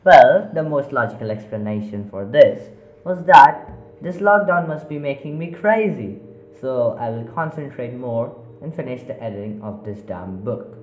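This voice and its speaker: A man voicing a stressed male book editor who talks loudly and exasperated in a raised voice. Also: animated, moderate pace, natural voice. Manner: loud, exasperated, raised pitch. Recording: roomy echo.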